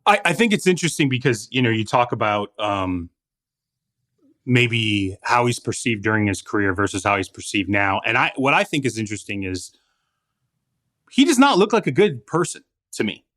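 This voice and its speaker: A man hosting opinionated sports talk, speaking emphatically and rhetorically, with deliberate stress on key words. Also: mid-range voice, sing-song, fairly bright tone. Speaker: talk show host.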